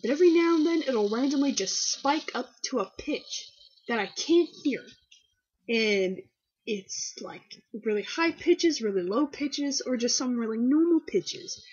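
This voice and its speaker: A woman's voice: sits high, unhurried, slightly rough. A young woman answering viewer questions in a candid, rambling, casual chat and telling stories. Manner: candid, rambling, animated storytelling. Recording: dull lo-fi webcam audio.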